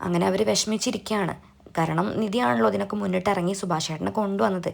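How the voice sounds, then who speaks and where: A woman's voice: mid-range voice, fast talker, vocal fry. A woman YouTuber giving a chatty, casual recap of a TV serial episode. She retells each scene and keeps dropping in friendly asides to her viewers.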